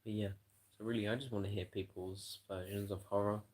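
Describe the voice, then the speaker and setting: A man's voice: on the low side, level tone, brisk, darkish tone, slight background noise, rough recording. A tired man rambling and swearing through a late-night live stream chat, yawning as he talks. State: exhausted. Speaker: livestreamer.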